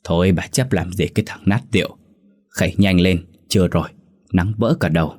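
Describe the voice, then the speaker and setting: A man's voice: low-pitched, fairly quick, a little mellow. A man voicing a brusque farm wife scolding her husband. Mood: impatient. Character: sharp-tongued farm wife.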